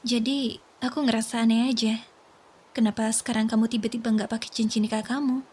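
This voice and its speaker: A woman voicing a soft, breathy worried young wife. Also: a little high, flat delivery, a little fast. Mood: gentle. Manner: gentle, coaxing, pleading. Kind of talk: whispered role-play.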